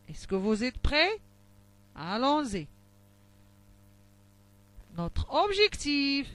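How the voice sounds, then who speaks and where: A woman teaching young children to read, speaking slowly and articulating each sound with care. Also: high-pitched, no echo. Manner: slow, carefully articulated, syllable by syllable. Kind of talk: slow phonics lesson for young children.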